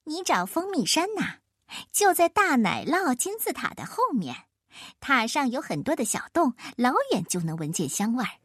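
A woman doing a squeaky, hurried little mouse. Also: big pitch swings, fairly bright tone, husky, no room sound, clean studio sound, exaggerated voice. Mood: brisk. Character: quick little mouse, brisk and busy.

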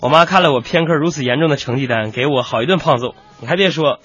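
A man's voice: fairly high pitch, quick pace, fairly bright tone, slightly rough, highs cut off. A man hosting a radio comedy show, telling jokes, acting out the quoted voices and often laughing.

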